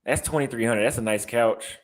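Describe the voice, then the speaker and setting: In his vlog, a young man with a Texas accent, a barber, scrolls through apartment listings and comments aloud, saying things more than once in a relaxed way. He speaks a bit fast in a mid-range voice.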